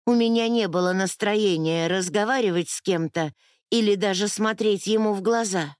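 A woman narrating a novel in first person with measured, even storytelling. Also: mid-range voice, no room sound, studio quality. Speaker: audiobook narrator.

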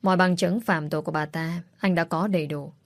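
A woman narrating a read-aloud story in a steady storytelling manner. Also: on the low side, brisk, no echo, clean studio sound.

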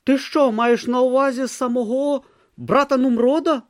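A man's voice: very high-pitched, fairly even intonation, moderate pace, dry recording, clean studio sound, voice pushed up. A man playing a timid, naive young novice monk who speaks earnestly and hesitantly. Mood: anxious. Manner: earnest, hesitant, wide-eyed.

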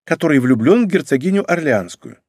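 A man voicing a shy, gentle young court lady in an audiobook, speaking softly with sighs. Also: on the high side, very animated, brisk, slightly rough, no echo, clean studio sound, voice pushed up. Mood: wistful.

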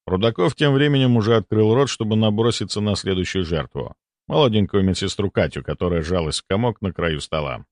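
A man narrating an audiobook in the first person with a dramatic, expressive reading on a close studio mic. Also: lowish voice, brisk, no room sound.

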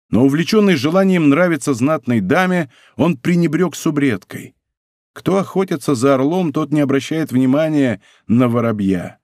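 A man's voice: medium pitch, a little mellow, no echo, clean studio sound. A man reading a novel aloud as an audiobook narrator, telling the story expressively. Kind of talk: scripted narration.

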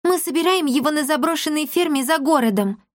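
A woman's voice: sits high, a little fast, no echo, clean studio sound, voice pushed up, lightly acted. A woman voicing a prim, self-important little girl in a storybook reading. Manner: important, matter-of-fact.

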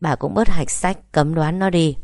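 A woman voicing a calm older husband who gently reasons with his angry wife. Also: low voice, measured pace, no echo, clean studio sound. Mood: calm reasoning. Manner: soothing, persuasive.

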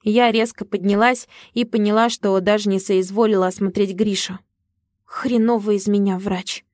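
A woman's voice: medium pitch, fairly even intonation, normal speed, a little mellow, no echo, clean studio sound. A woman narrating a story in the first person, with emotional storytelling. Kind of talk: audiobook narration.

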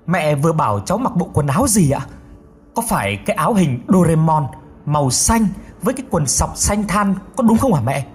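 A man's voice: sing-song, fairly quick, breathy edge, exaggerated voice. A man voicing a distraught young mother who wails and cries out for her missing son. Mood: frantic. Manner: wailing, high-pitched, frantic.

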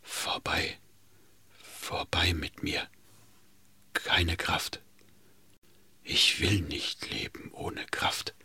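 A man gives voice to a stricken, frail old composer who can only manage a faint, breathy whisper. The sound is close and dry. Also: low voice, extremely slow, long pauses, sharp tone, no room sound, full character voice. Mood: hopeless.

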